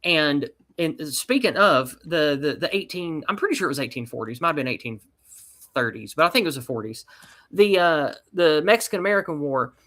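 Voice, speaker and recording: A man's voice: fairly high pitch, animated, a little fast, fairly bright tone. A man from East Tennessee with a mountain twang, talking in a folksy, rambling way as a guest on a casual podcast chat. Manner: folksy, rambling, with colloquial slang.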